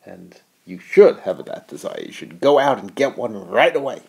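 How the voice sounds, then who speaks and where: A middle-aged man teaches economics in a recorded video lecture, playful and full of jokey asides. His voice is gravelly and a little husky. His pitch swings widely as he talks. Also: very animated, moderate pace, darkish tone. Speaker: economics professor. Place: US college.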